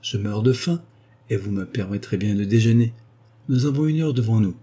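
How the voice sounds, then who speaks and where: A man voicing an old indebted baron who speaks calmly and suavely, with irony, in an audiobook. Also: lowish voice, normal speed, breathy edge. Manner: calm, suave, ironic. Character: old smooth-talking indebted male baron.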